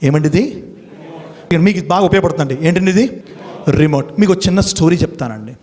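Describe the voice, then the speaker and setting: A man giving an emphatic motivational speech, quizzing the audience with questions and slowing down to tell stories dramatically. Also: a little high, a little mellow. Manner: slows down for dramatic storytelling. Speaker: motivational speaker. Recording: long hall reverb.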